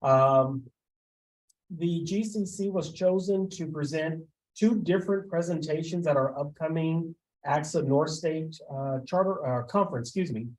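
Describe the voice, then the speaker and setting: A man delivers a school administrator's report to a board, stopping often on hesitant filler sounds. His voice sits a little high for a man. The tone is soft and mellow. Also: low-quality recording. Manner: halting, with frequent filler sounds. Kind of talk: formal board meeting report.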